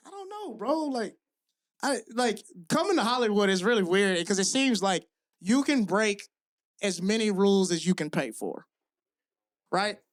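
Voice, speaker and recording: A man from the American South performing live stand-up comedy on a club stage, loose and profane, rising to shouts on punchlines. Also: high-pitched, moderate pace.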